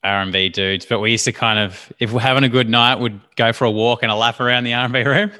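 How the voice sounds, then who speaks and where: A man's voice: mid-range voice, steady tone, fast talker, pushed and bright. A man, hosting a casual interview with a chummy, loose way of asking questions. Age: 30s. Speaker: podcast host.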